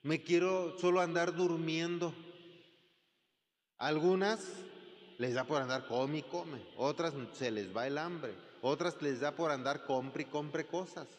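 A man's voice: fairly high pitch, slow. A man preaching a sermon as pastor, asking the congregation rhetorical questions and acting out quoted voices. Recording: long reverb of a large hall.

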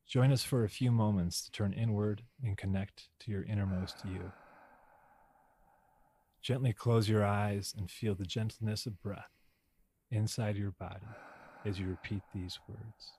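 A man leading a guided meditation in a hushed, slow voice, repeating calm affirmations. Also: fairly low pitch, slight background noise.

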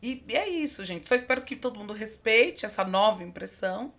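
A woman, a guest in a casual interview, expressive and laughing often. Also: mid-range voice, fairly quick. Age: 40s. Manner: expressive, laughs often, emotional near the end. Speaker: guest, candomblé priestess.

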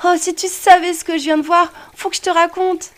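A woman voicing an excited, wide-eyed little boy with a very high, eager voice. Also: brisk.

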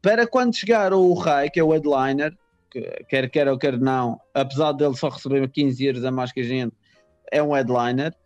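A man's voice: medium pitch, moderate pace, a little mellow, lo-fi sound, soft background music. A man from Madeira, chatting casually in slangy, stop-start anecdotes. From Madeira, Portugal. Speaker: stand-up comedian. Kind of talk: casual conversation.

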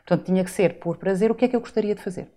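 Racing along in a mid-range voice with a dark tone, an Azorean woman in her forties tells her life story on a podcast. She's a reflective guest in this informal interview, her account full of rhetorical asides.

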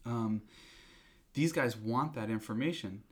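A company representative speaking in a business interview, this man has a mid-range voice. He explains haltingly, in a conversational manner.

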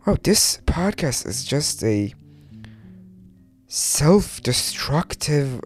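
With a medium-pitched, very animated voice, this man speaks very slowly over soft background music. An Iranian who later moved to Turkey, he hosts a solo podcast in a rambling, confessional, hesitant and self-deprecating style, swearing casually.

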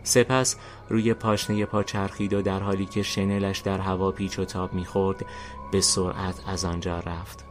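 A male narrator and host reads from a script in a steady way. His voice is very deep, with faint music playing beneath it.

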